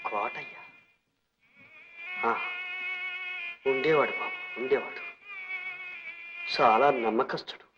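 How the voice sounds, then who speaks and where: A weeping ruined old leper. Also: male voice, a little high, huge pitch swings, takes it slowly, long pauses, noisy background, full character voice. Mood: sorrowful. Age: older. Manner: sorrowful, tearful, self-pitying pleading. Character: old ruined former millionaire man with leprosy, humble, grieving. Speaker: film character. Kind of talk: 1960s Telugu film drama. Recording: dull old film soundtrack with music.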